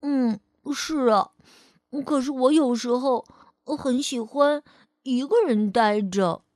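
A woman's voice: high-pitched, slow, a little mellow, dry recording, studio quality. A woman voicing a curious little boy in a storybook who asks wondering, hesitant questions.

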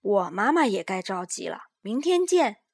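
A woman voicing a lively, emphatic young child friend in a children's story. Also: mid-range voice, normal speed, husky.

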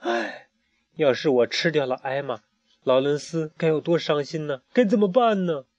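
A man's voice: a little high, moderate pace, no room sound, close to an everyday voice. A man voicing a sly, hungry fox father who schemes aloud in chatty asides, on a muffled recording. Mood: scheming.

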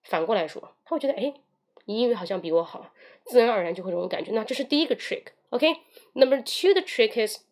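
A woman's voice: a little high, animated, fast, darkish tone. Woman teaching English on a livestream. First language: Mandarin Chinese. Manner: switches between Mandarin and English, demonstrates phrases.

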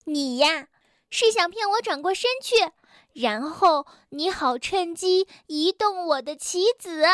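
A woman voicing Bengbeng, a confident young male animal who talks in a brisk, teasing way. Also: very high voice, expressive, fairly bright tone, no room sound, clean studio sound, heavily acted.

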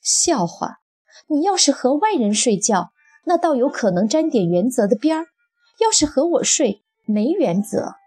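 A woman voicing a childish, defensive husband who rambles in a folksy way, with a breathy voice. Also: medium pitch, animated, a little slow, darkish tone.

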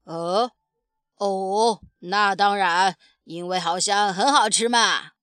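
Woman playing a hungry villain dino, sly gloating laugh, slow. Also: mid-range voice, fairly bright tone, clear, resonant tone, no room sound, studio quality. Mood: menacing. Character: greedy menacing predator dinosaur.

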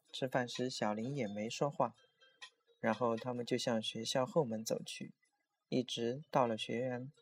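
A man narrating a scripted horror story in a steady storytelling voice. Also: mid-range voice, slight background noise.

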